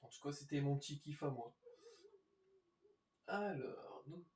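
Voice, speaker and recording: Talking directly to his audience, a gaming video host comments on play in a casual, informal way. His voice is a little high, expressive and darkish, and he takes his time. Roomy echo colors the recording.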